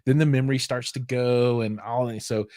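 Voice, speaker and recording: A man's voice: mid-range voice, steady tone, normal speed, darkish tone, no echo, studio quality. Rambling middle-aged man, fillers galore. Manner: rambling, self-deprecating, many fillers and restarts. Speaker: host. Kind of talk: casual live-stream chat.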